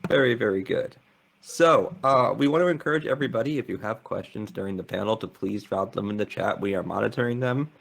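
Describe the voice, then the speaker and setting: Low gravelly man hosting a panel. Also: a little fast. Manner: self-described monotone, reads a statement aloud. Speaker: panel host. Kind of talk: casual panel moderation.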